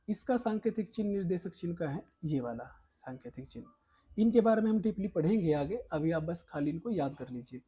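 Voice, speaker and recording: Dark husky-voiced male Hindi exam tutor. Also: sits high. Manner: emphatic, coaxing, repeats points with rising and falling stress. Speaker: teacher. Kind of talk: exam prep lesson.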